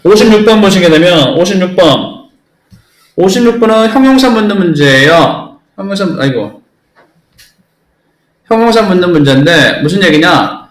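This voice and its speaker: Man, English teacher, classroom lecture, blunt and emphatic, high voice, echoey room. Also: lively intonation, moderate pace, long pauses. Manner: emphatic, blunt, keeps asking "understood?".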